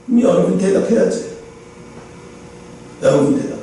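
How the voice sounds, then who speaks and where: 설교하는 높은 목소리의 남자 목사. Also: male voice, high voice, moderate pace, distant mic. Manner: lively, informal preaching with acted-out questions. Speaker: pastor. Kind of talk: sermon. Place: large church hall. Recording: echoey church hall, voice from afar.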